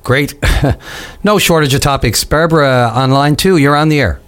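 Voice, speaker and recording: Male call-in radio host, smooth on-air delivery, slightly high voice, reassuring, cuts in often. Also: moderate pace, a bit bright. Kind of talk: talk radio call-in hosting.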